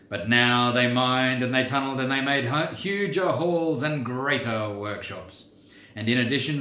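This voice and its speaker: A man voicing Thorin, a proud old dwarf king, in a deep voice with a slow storytelling cadence. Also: fairly bright tone, close to an everyday voice. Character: proud old dwarf king recounting his people's loss. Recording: roomy with faint background noise.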